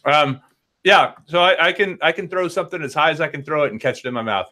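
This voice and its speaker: Bright-voiced man in his forties. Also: a little high, fast talker. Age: 40s. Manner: animated, rambling storyteller. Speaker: guest. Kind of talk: casual online chat. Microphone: headphones and laptop on a video call.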